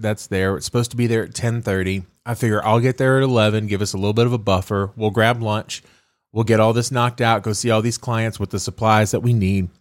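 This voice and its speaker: A man's voice: lowish voice, dry recording, clean studio sound. Just-woken male podcast co-host. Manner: rambling storyteller with fillers. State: just woke up, groggy. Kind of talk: casual podcast chat.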